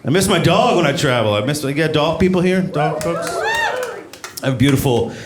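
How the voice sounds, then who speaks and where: Echoey higher-voiced male stand-up comedian. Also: a little fast. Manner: animated storytelling, acting out exchanges. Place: live comedy show before an audience. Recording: echoey room, clear background noise, live audience.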